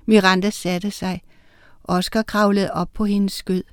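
A woman reading a children's story aloud in a lively, expressive way. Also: medium pitch, no room sound, studio quality. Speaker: narrator.

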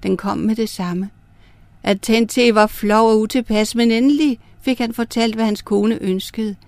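Gentle woman reading a children's story. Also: on the high side, steady tone, no room sound.

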